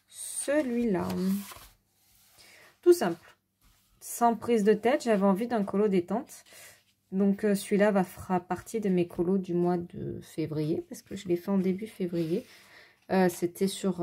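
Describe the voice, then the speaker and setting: Mellow-voiced woman chatting casually. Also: mid-range voice, slightly rough. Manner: chatty, rambling, many fillers and self-corrections. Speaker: adult coloring hobbyist. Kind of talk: casual show-and-tell.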